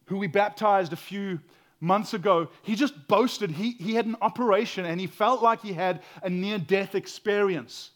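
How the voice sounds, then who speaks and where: This loud-voiced pastor has a high voice and alternates between whispering softly and exclaiming loudly in his sermon. He often stumbles over words and repeats them.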